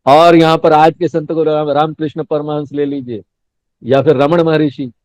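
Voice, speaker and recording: A man's voice: a little high, steady tone, unhurried, darkish tone, no room sound. A man who is a swami giving a Hindi spiritual discourse, chatty and laughing often, asking his listeners questions. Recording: dull lo-fi recording, dry.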